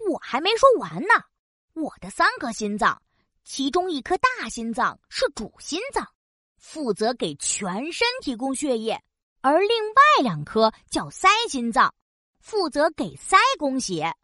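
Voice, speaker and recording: A woman voicing a cheerful, excitable octopus magician in a children's audio story, with a theatrical, exclamatory manner. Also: high voice, measured pace, no echo, clean studio sound, heavily acted. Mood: proud.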